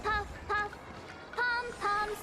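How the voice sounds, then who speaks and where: A woman's voice: very high voice, little pitch movement, very slow, long reverb tail. A woman streamer reading game dialogue aloud while playing, in a playful, bubbly manner. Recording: loud game music behind.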